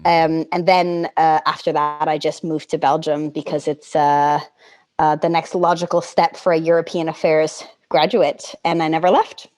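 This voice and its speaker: Relaxed woman guest, hesitant and casual. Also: low voice, moderate pace. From Connecticut, United States. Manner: relaxed, hesitant, many fillers. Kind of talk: casual interview answers.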